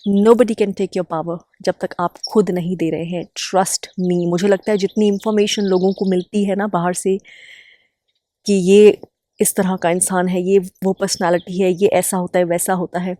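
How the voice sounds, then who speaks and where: A woman's voice: medium pitch, steady tone, moderate pace, mellow. Earnest woman giving spiritual encouragement. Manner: earnest, encouraging, repeats phrases for emphasis. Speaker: inner-healing channel host. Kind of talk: spontaneous spiritual self-help talk.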